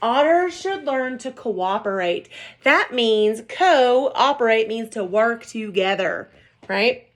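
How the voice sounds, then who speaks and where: A woman teacher reading a picture book aloud to young children, gentle and sing-song, often checking in with "right?". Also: on the high side, expressive, slow pace.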